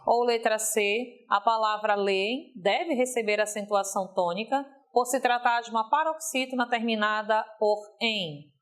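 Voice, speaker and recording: A woman teaching a recorded lesson in a fairly high voice. She explains patiently and drags out example words slowly to make them clear, often pausing to check in with her students. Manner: didactic, stretches example words slowly, frequent "ok?".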